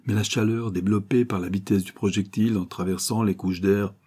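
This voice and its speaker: A man's voice: fairly low pitch, steady tone, fairly quick, warm tone, husky. A man doing a hot-tempered hostile stranger. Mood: heated, scornful. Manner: vehement, scornful objections. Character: heated skeptical male stranger, hostile.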